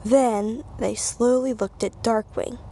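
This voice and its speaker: A woman's voice: on the high side, steady tone, takes it slowly, dark tone, slight background noise. A woman reading a children's storybook aloud, stumbling and repeating phrases, with casual asides. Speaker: reader.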